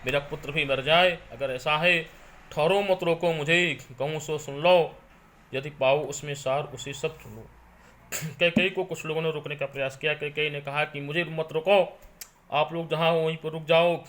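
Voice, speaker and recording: A man's voice: a little high, fairly bright tone. A male teacher reciting lines of verse and then explaining them at length, often repeating his phrases. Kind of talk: explaining poetry in a class lecture.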